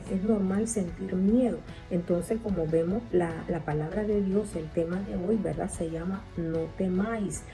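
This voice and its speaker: A woman's voice: medium pitch, mellow, low-quality recording. A woman preaching a sermon, repeating her phrases for emphasis and often asking "right?" of her listeners. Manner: repetitive, emphatic preaching with tag questions.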